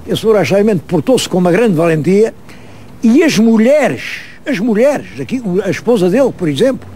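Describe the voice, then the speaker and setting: Animated high-voiced European Portuguese storyteller. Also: male voice, normal speed. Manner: animated, vivid storyteller, addresses viewers directly. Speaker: history presenter. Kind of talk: storytelling to camera on location.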